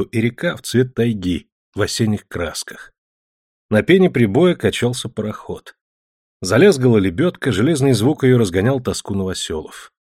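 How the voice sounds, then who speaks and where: A man narrating an audiobook with expressive storytelling and a husky voice. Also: medium pitch, dry recording, studio quality.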